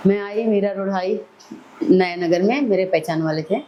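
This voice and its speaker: A woman's voice: mid-range voice, moderate pace, muffled recording, slight background noise. A middle-aged woman, a podcast guest telling her life story vividly. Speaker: celebrity hair stylist, podcast guest. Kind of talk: personal storytelling in an interview.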